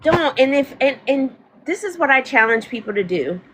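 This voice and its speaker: A woman's voice: high voice, very animated, moderate pace, fairly bright tone, slight background noise. A woman, talking casually and emphatically on a livestream, repeating words for stress. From North Carolina, US. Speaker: livestream host.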